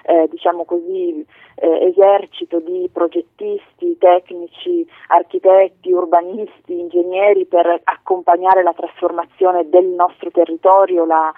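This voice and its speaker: A woman's voice: on the low side, little pitch movement, dry recording. Woman speaking over a tinny phone line. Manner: measured, with frequent hesitations and filler phrases. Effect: heard over a phone line. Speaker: politician guest. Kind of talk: radio interview answers.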